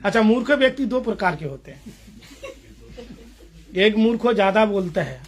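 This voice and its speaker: A man's voice: sits high, animated, moderate pace. A man giving a storytelling sermon to a gathering, playful, acting out the dialogue and putting questions to his listeners. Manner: playful, acts out dialogue, asks audience questions. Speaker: spiritual teacher.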